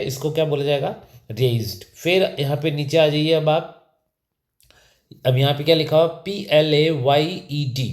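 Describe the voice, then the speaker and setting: A man's voice: fairly high pitch, darkish tone, roomy sound. A man teaching an English pronunciation lesson, often asking a question and then answering it himself. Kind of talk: spoken lesson.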